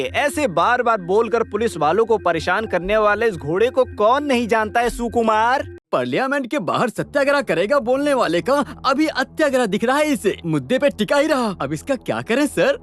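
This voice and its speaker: A man's voice: sits high, fairly bright tone. An actor dubbing a mocking, commanding male police officer in a Hindi film scene.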